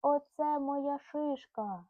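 A woman voicing a greedy, excitable female squirrel in a bedtime storybook, exclaiming her lines slowly. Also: high-pitched, no room sound. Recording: tinny phone-like sound.

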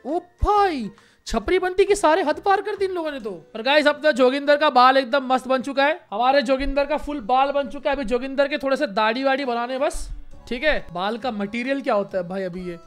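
An excitable young man with a strikingly high voice chats through a game in casual, joking commentary. He fires off phrases in quick bursts and repeats them, like a gaming YouTuber riffing for his viewers. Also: faint music behind.

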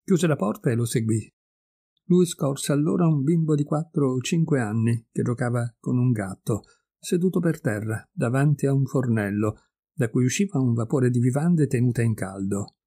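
A man reading a classic short story aloud, measured and expressive. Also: medium pitch, slightly rough. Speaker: audiobook reader. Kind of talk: literary reading.

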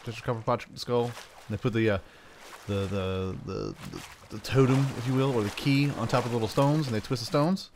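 Game music runs under this gaming video host's brisk, slightly mellow mid-range voice, and there's a little hiss or hum. He's thinking aloud in a playful, casual way, exclaiming often.

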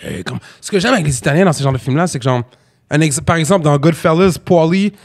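A Quebec man chatting on a podcast, switching between French and English slang. His voice sits a little high for a man. He talks casually and jumps into animated impressions. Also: fast talker, creaky. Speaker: podcast guest, rapper. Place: podcast studio.

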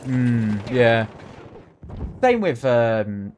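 British male co-player, mid-pitched, relaxed, halting, faint gunfire behind. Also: slight background noise. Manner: easygoing, hesitant, stumbles over words. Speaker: gaming co-player. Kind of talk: casual gaming chat.

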